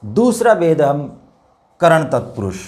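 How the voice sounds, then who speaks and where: A man teaching a Hindi grammar lesson, explaining step by step, repeating words slowly and addressing his viewers as dear children. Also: fairly high pitch, sing-song, a little mellow. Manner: slow, repetitive explanation with drawn-out words. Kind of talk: classroom lesson.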